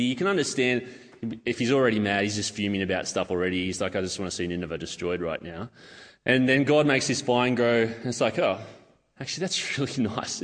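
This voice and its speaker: A man preaching a sermon, telling stories casually and acting out what people say. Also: medium pitch. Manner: casual storytelling with acted-out quotes. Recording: long hall reverb.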